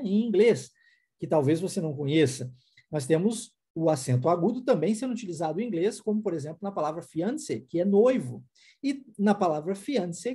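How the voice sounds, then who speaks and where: A Brazilian man with a Brazilian Portuguese accent teaches an online English lesson, explaining patiently and using frequent tag questions. His voice is high, warm, and husky.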